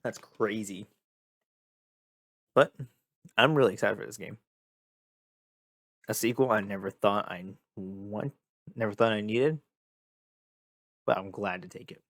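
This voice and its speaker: A young man hosting a casual gaming vlog, tired and a bit monotone, rambling and repeating himself as he talks. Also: on the low side, a little slow, long pauses, dry recording, clean studio sound. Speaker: gaming video host. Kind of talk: casual talk to camera.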